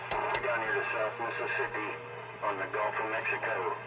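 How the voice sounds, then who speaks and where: A man calling in slowly as a radio operator, heard as a distant CB radio transmission through a speaker. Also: fairly low pitch, little pitch movement, over music. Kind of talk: radio check-in. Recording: dull lo-fi radio from far off.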